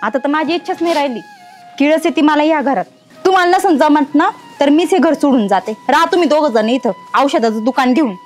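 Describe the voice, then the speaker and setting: A sharp-tongued young daughter-in-law, played by a woman, ranting fast in a very high, piercing voice. She spits scorn and complaint at her in-laws in a village family drama. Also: lively intonation, faint music behind. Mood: scornful. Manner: scolding, contemptuous rants.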